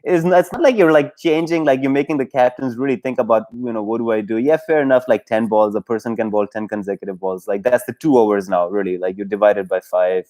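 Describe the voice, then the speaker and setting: A man's voice: mid-range voice, quick pace, few pauses, darkish tone. A man from Pakistan, hosting a casual solo livestream chat, rambling and hesitant, with many fillers and frequent laughs. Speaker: YouTube livestream host.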